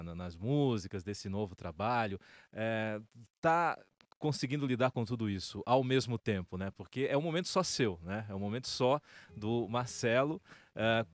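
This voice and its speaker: A man's voice: mid-range voice, dry recording. A man interviewing a musician on the radio, asking long winding questions that he keeps tagging for agreement. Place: radio studio.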